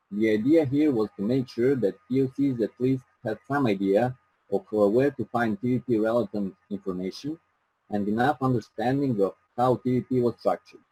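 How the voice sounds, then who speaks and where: A man from Serbia with a Serbian accent, giving a careful presentation with frequent pauses. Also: medium pitch, mellow, breathy edge, dry recording, low-quality recording. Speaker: activist presenter.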